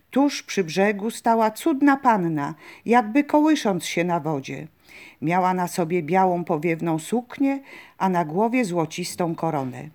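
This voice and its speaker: A woman reading a folk legend aloud in a calm, measured way. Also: on the low side.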